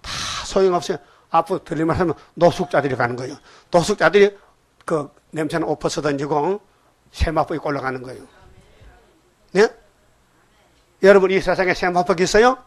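A man's voice: on the high side, a little fast, long pauses. A man preaching a sermon, emphatic and prodding his listeners with repeated questions.

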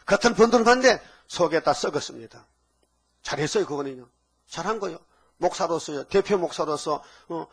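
A man's voice: a little high, fairly bright tone, husky. An older man preaching a sermon, full of rhetorical questions. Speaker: pastor.

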